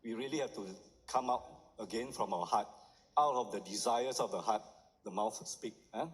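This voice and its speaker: A middle-aged doctor, giving a conference lecture and often checking in with the audience with "huh?" and "right?". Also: male voice, lowish voice, moderate pace. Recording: long hall reverb.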